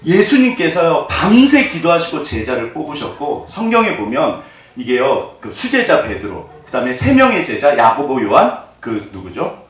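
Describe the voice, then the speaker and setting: A middle-aged male pastor preaching a conversational Easter sermon in a church and acting out the voices he quotes. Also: a little high. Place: church sanctuary. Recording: echoey hall, distant mic.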